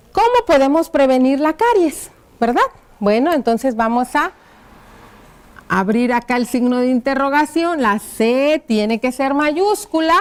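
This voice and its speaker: A woman teaching a primary school lesson on TV, talking slowly and patiently and spelling out each word as she writes, checking in with the children. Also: sits high, clean tone. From Mexico. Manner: asks the pupils rhetorical check-in questions. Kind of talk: classroom lesson on TV.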